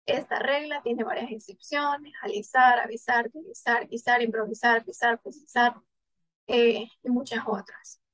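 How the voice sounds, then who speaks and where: A woman with a fairly high voice gives a class presentation on spelling rules. She reads out lists of example words one by one, with small pauses and fillers between them. The sound is dry and close. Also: steady tone, a bit bright, dry recording, poor audio. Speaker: student presenter.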